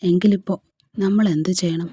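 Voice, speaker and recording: A woman's voice: fairly low pitch, fairly even intonation, a little fast, warm tone, breathy edge, no room sound. A woman reading a storybook part of a young wife who answers her husband with firm questions. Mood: defiant.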